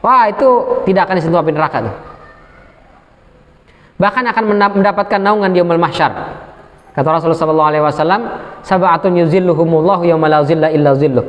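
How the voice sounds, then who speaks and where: High-voiced man preaching in a hall. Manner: animated, acts out questions from the congregation; chants Arabic quotes slowly. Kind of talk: sermon. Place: mosque study hall. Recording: long hall reverb.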